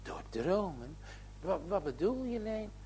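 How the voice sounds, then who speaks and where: A man's voice: high voice, sing-song, unhurried, darkish tone, husky, voice pushed up, heavily acted. A man doing a devout, stern old grandmother. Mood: gentle. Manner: earnest, admonishing, preachy. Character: devout elderly grandmother, gentle but stern.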